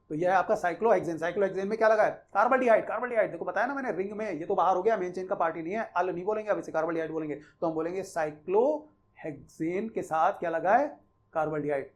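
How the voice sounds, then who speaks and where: A man teaching chemistry, explaining naming rules in a conversational way and repeating the key points for students. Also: sits high. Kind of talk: explaining IUPAC naming in a Hindi-English mix.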